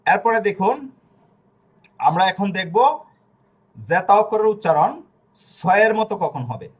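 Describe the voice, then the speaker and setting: Male language teacher, a little high-pitched, patient and repetitive, sounds out syllables slowly. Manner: patient, repeats rules and breaks words into syllables slowly. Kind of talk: explaining Italian pronunciation in Bengali.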